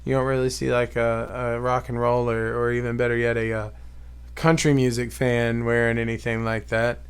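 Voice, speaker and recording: A man's voice: mid-range voice, smooth. A young man co-hosting a podcast in casual chat, laughing easily and explaining things. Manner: slow, relaxed, with frequent laughter. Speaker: podcast co-host.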